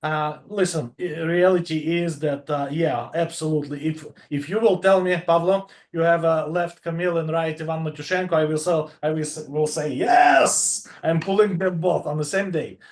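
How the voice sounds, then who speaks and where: A man's voice: fairly high pitch, steady tone, normal speed, few pauses. A man in his forties, a guest on a casual video-call chat, confident and boastful. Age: 40s. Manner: confident, boastful, laughs easily.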